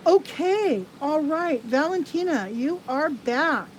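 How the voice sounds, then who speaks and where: A woman giving live tarot card readings to viewers. She talks in a halting, earnest way with many restarts. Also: sits high, animated, a little hiss or hum, poor audio.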